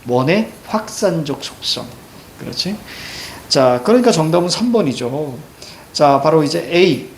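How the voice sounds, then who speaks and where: A man's voice: a little high, lively intonation, a little slow, slight background noise. A man teaching a Korean reading class, walking students through a text and checking their understanding with short prompts. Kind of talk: classroom lecture.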